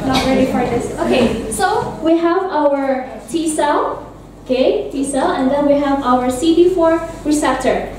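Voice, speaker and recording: A woman's voice: sits high, measured pace, a little mellow, a little hiss or hum. A young woman giving a student class presentation, explaining step by step and playfully quizzing the audience. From Indonesia. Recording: echoey room, mic far off.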